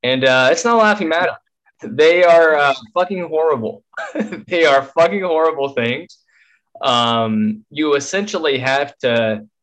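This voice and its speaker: A man's voice: mid-range voice, fairly bright tone. A man in casual chat, making dry joking asides.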